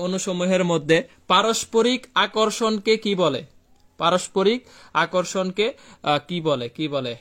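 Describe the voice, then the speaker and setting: High-pitched young man teaching physics. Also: a bit bright. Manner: repetitive, asks students questions and reads their answers; colloquial, chatty, tells classroom anecdotes. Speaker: physics tutor. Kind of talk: live online class.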